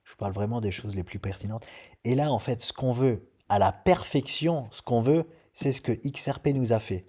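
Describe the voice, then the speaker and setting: Male trading host, casual chart breakdown, emphatic and repetitive, dark mellow voice. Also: mid-range voice, moderate pace, slightly rough. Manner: emphatic, loose and chatty, repeats his point.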